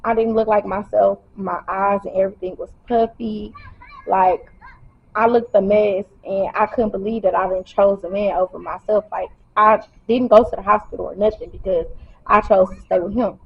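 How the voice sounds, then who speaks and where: A woman's voice: medium pitch, fairly even intonation, moderate pace, slightly rough. A woman telling her own story to camera in a casual, emotional way, fighting back tears as she speaks. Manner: emotional, holding back tears, colloquial and direct. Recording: dull lo-fi sound.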